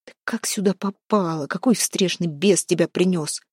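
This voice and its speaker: A woman voicing a hot-tempered village man with a hoarse, gruff way of barking orders. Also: lowish voice, normal speed, darkish tone, no room sound, studio quality. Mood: agitated.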